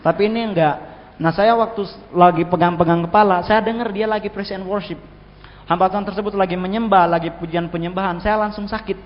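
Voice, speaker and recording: A man, speaking in a high voice and telling his testimony with restarts and sudden emphasis. His voice rings through a large hall with a long reverb. The recording sounds dull and muffled. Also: fairly even intonation, fast talker. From Manado, Indonesia. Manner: vivid storytelling, frequent restarts, bursts of emphasis. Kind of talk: preached personal testimony.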